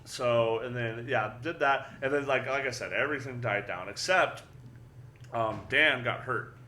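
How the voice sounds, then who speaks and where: Animated, swearing man telling a story. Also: medium pitch, a little slow, a little hiss or hum. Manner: animated, swears freely, repeats words. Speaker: guest powerlifter. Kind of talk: casual storytelling chat.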